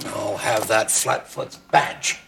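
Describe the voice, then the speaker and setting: An actor playing an imperious, threatening nightclub boss with a temper in a noir drama. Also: male voice, fairly low pitch, slow, creaky, background noise. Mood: menacing. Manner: threatening, commanding. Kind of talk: noir detective drama dialogue.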